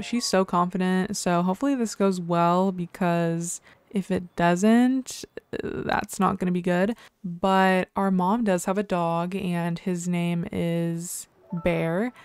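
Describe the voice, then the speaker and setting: A young adult woman hosting casual game commentary, chatty and excitable, filling nearly every phrase with "like". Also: mid-range voice, smooth. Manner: chatty, says "like" constantly, excitable exclamations. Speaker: gameplay host.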